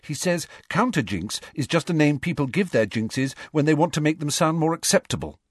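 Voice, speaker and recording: A man voicing a bright teenage schoolgirl who answers promptly in a clear, confident voice. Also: on the high side, big pitch swings, moderate pace, no room sound, studio quality, pitched above the performer's own voice, heavily acted. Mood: earnest. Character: clever, earnest teenage schoolgirl.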